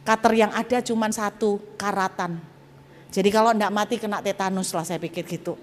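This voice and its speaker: A woman pastor preaching a sermon with personal testimony, telling her story in a lively way with dramatic pauses and asides to the congregation. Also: medium pitch, in a large hall.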